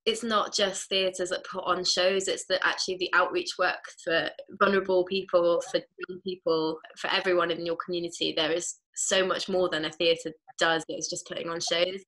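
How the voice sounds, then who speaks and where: A woman's voice: on the low side, level tone, moderate pace, few pauses, a bit bright, low-quality recording. A woman with a Welsh accent, a theatre maker, talking earnestly on a video call from home. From Wales. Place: home room, indoors.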